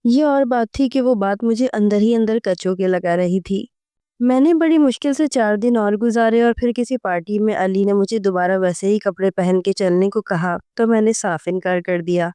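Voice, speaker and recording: A woman narrating a dramatic story in the first person, in a steady, earnest way, close to the mic. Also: medium pitch, clean tone, dry recording.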